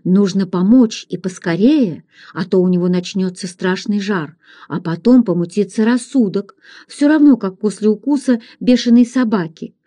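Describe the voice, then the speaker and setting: A woman reading aloud, voicing a gruff, blunt frontier hunter who talks in a low, plain manner. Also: normal speed, warm tone, close to an everyday voice.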